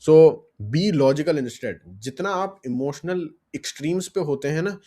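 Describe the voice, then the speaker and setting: A man's voice: a little high, lively intonation, slow, warm tone. Blunt young vlogger man. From Pakistan. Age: young adult. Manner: blunt and swearing, with constant "right?" tag checks. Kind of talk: casual advice vlog mixing Urdu and English.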